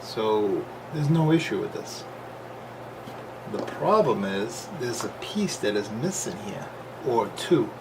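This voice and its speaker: Slow and sing-song, his voice on the low side, a repair video host walks through a hands-on fix in a casual, unscripted way. He's plain-spoken and thinks aloud as he works, over the loud background noise of a noisy camera recording.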